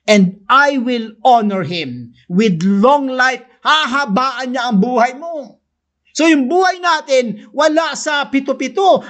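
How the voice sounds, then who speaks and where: High-voiced Filipino preacher. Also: male voice, fairly bright tone. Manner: switches between Tagalog and English, slows down to read verses. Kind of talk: sermon.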